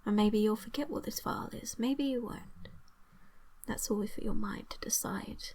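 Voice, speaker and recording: A woman giving an ASMR hypnosis session in a breathy whisper, coaxing the listener with repetitive suggestions and lingering pauses, close to the microphone. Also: mid-range voice, a little mellow.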